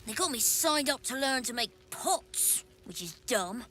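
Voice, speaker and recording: An actress playing a worried, grumbling youngster in a video game. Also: female voice, fairly high pitch, expressive, unhurried, sharp tone, slight background noise. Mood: worried, sulky. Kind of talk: video game character acting.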